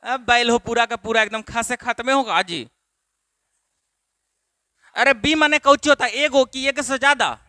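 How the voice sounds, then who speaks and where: A man's voice: extremely high pitch, unhurried, pauses often, pushed and bright, no echo. A man from Bihar with a Bihari Hindi accent, teaching a spoken English class and asking the students the same questions again and again. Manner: repetitive questioning, drills students. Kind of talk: classroom lesson.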